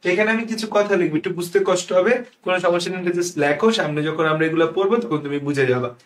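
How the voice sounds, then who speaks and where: A young man from Bangladesh teaching a biology exam-prep lecture, drilling terms with quick questions and answers. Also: sits high, distant mic. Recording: echoey room, mic set back.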